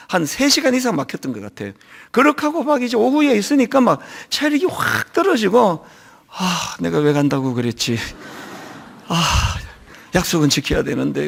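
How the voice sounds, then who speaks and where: A middle-aged man preaching a sermon as senior pastor, telling stories in an animated way with a touch of a lingering cold. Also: high-pitched, gravelly. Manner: animated storytelling, acting out quoted voices. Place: church.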